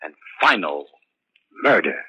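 An actor playing an ominous, brooding murder-mystery narrator in theatrical, slow 1940s radio style. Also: male voice, very deep voice, very animated, pushed and bright, slightly rough, heavily acted. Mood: menacing, suspenseful. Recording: noisy, dull old 1940s radio recording.

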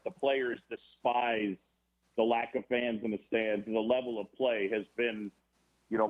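A man, a baseball broadcaster guest on a podcast, talking in a rambling, animated way with many restarts. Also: mid-range voice. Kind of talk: casual podcast conversation. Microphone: phone or remote call. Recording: tinny phone line.

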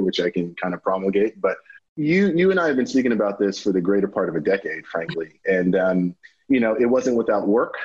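Male founder, low and husky, deliberate talker, dull lo-fi audio. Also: a little mellow. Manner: deliberate, measured, frequent ums. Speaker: founder and CEO. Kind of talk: video-call interview answers.

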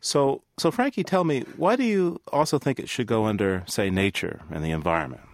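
A man with a low voice hosts a public radio interview. His pitch moves in wide, lively sweeps as he puts his questions. The sound is close and dry, and he often repeats words as he starts a sentence. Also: a little fast, no echo. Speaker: radio show host.

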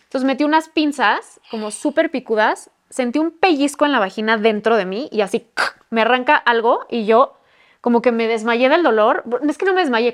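A woman in her twenties with a Mexican accent, telling a personal story on a podcast in candid, slangy speech. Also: on the high side. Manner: candid, slangy, swears freely, acts out quotes. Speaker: podcast guest. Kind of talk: casual storytelling.

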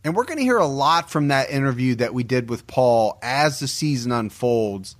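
A man co-hosting a podcast, reading a scripted true-crime narration in a measured, grave storytelling manner. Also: mid-range voice, animated. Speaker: podcast co-host.

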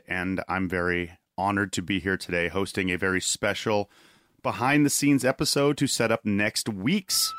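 A man's voice: fairly low pitch, a bit bright, dry recording. Upbeat jokey podcast host, a man. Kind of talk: casual interview chat.

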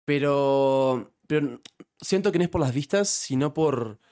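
A young Uruguayan man with a Uruguayan Spanish accent appears as a YouTuber guest on a casual podcast interview, restarting often and filling gaps with fillers. His mid-range voice has a darkish tone and lively intonation, delivered at a measured pace.

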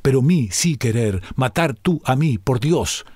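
A man reading aloud and voicing a feverish young foreign prisoner who pleads in halting, broken speech. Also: mid-range voice, animated, a little mellow, dry recording, studio quality. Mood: pleading.

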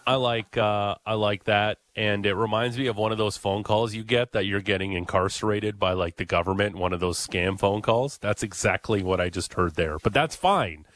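A man's voice: on the low side, fairly even intonation, normal speed, few pauses, a bit bright, no echo. A man hosting sports talk radio, chatty and opinionated, with lots of "uh" fillers.

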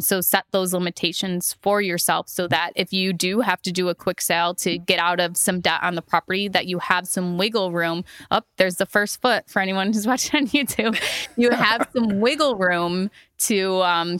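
A woman's voice: on the low side, fairly even intonation, normal speed, a bit bright, no echo, clean studio sound. A woman co-hosting a podcast in casual chat, chatty and laughing often, with many fillers. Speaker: podcast co-host.

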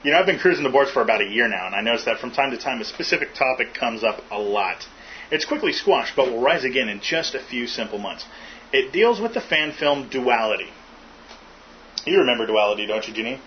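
A man's voice: mid-range voice, expressive, brisk. A man hosting a podcast in casual chat, joking and rambling with fillers. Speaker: podcast host. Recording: muffled lo-fi with faint hiss.

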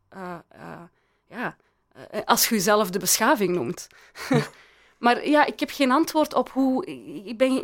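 A woman speaking as an interview guest, thoughtful and hesitant, with frequent restarts and laughs. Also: mid-range voice. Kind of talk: reflective interview talk. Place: in Belgium.

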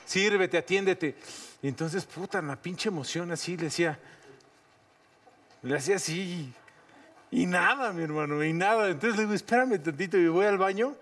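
A man's voice: high voice, normal speed, a bit bright, recorded from a distance. A man with a Mexican accent in casual comic chat, blunt and profane. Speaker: show regular.

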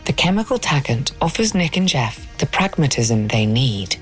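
A woman with a strikingly deep voice narrates a suspense documentary podcast. Her delivery is scripted storytelling, with soft music behind it. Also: big pitch swings, normal speed. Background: faint music.

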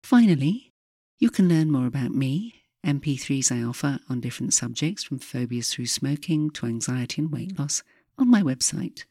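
A woman speaking as a hypnotherapist host, giving guided relaxation in a soft, breathy voice with a calm, measured, soothing delivery and frequent pauses. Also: rumbling low, no echo, studio quality.

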